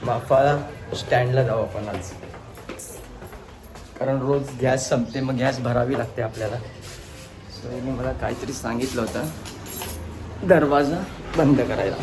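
A man's voice: medium pitch, fairly even intonation, unhurried, long pauses. A man vlogging casually with a handheld phone camera, chatting directly to his viewers as he moves around town outdoors and in his vehicle. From Maharashtra, India. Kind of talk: casual vlog narration. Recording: noisy outdoor street recording.

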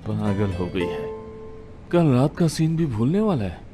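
An actor playing a jumpy, claustrophobic man in his thirties in a dubbed TV drama, excitable and whiny. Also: mid-range voice, a little slow, loud music behind the voice. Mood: defensive. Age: 30s. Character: jumpy claustrophobic man panicking, boastful but fragile.

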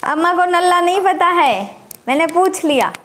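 A woman's voice: very high-pitched, animated, normal speed, fairly bright tone, a little hiss or hum. A middle-aged housewife hosting a casual live stream, chatting and teasing back as she reads viewer comments.

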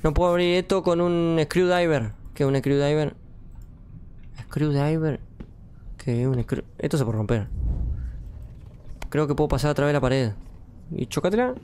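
A man's voice: a little high, moderate pace, pauses often, a little mellow, a little hiss or hum. Jumpy Argentine gamer guy. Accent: Argentine Spanish. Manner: jumpy, swearing, talks to viewers. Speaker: gaming streamer. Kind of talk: horror game commentary.

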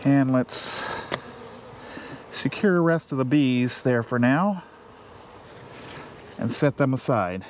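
A man, a beekeeper, explaining his steps in a casual, unhurried way while he works outdoors. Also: medium pitch, a little hiss or hum. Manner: plain, unhurried, thinking aloud while working. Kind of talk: casual how-to narration. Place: outdoors beside a beehive. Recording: faint outdoor ambience with buzzing bees.

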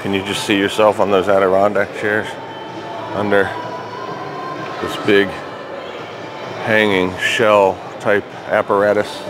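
A man's voice: fairly low pitch, monotone, unhurried, pauses often, noisy background. A middle-aged man casually touring a casino hotel and giving practical travel tips on a handheld phone camera. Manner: chatty, easygoing, practical tips. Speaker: travel vlogger. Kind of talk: casual walking tour and review. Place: hotel casino and hotel room, indoors.

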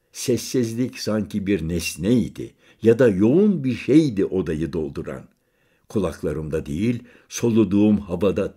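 A man narrating a literary audiobook in the first person, measured and slowing on quiet images. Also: deep voice, husky.

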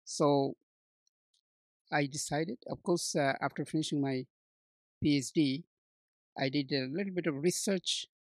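A man in his sixties from Bangladesh, talking as an interview guest, halting often with fillers and restarts. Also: on the high side, dry recording. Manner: hesitant, many restarts and fillers, warm laughs. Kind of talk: conversational interview.

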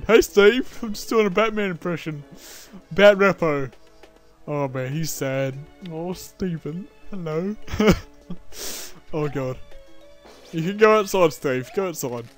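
Young man, let's play host, casual game commentary, slightly high voice, excitable, soft music behind. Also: unhurried, pauses often. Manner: chatty, excitable, self-mocking, laughs often.

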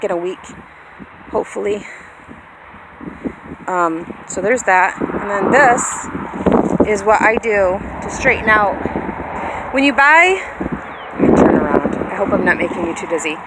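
A woman in her thirties, a vlogger and hobby farmer, rambles casually and self-deprecatingly to her viewers from an open grassy yard. She holds her phone at arm's length, and the recording picks up wind, outdoor noise, and a rumble like a vehicle.

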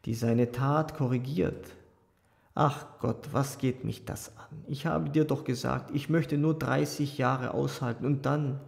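A sardonic young thinker, as a male audiobook reader puts him on, cool and argumentative. the voice is slow and gravelly, with a long hall-like reverb around it. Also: medium pitch, darkish tone. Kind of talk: audiobook character voice.

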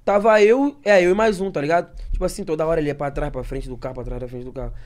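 A young man tells a story on a podcast in loose, slangy talk. He rambles and laughs often, in a voice a little higher than most men's. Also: racing, a little mellow. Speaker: podcast guest. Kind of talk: casual storytelling.

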